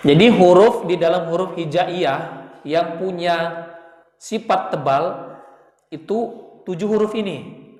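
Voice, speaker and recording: Man, patient recitation teacher, fairly high voice, roomy echo. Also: darkish tone. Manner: patient, repeats letter sounds slowly for students. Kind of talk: classroom lesson. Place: prayer room. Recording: echoey room with long reverb.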